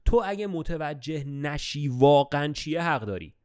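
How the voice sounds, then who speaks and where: A man's voice: on the high side, lively intonation, a little mellow, clean tone. A young man co-hosting a podcast in casual banter, arguing his points and explaining with examples. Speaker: podcast co-host.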